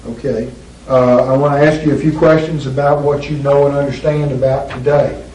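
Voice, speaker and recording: A male attorney heard on a courtroom-style deposition recording, his voice mellow and dark in tone. He asks formal questions slowly and deliberately, often pausing on "uh". The room is echoey, the mic sits some way off, and a faint hiss runs underneath. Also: mid-range voice, flat delivery. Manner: deliberate, measured, with frequent "uh" pauses. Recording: roomy echo, distant mic, faint hiss.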